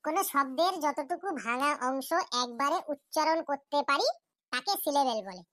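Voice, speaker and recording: A woman's voice: high voice, normal speed, a bit bright. A woman voicing an eager young schoolgirl in a cartoon class, dutifully reciting her answers to the teacher.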